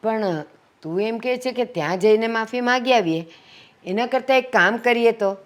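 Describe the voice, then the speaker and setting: A woman's voice: on the high side, moderate pace, natural voice. Lady acting as older mom of the house, earnest, lecturing the family, drama scene. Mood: calm persuading. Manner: earnest, scolding when roused. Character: older mother, peacemaking, sternly lecturing head of family. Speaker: family matriarch.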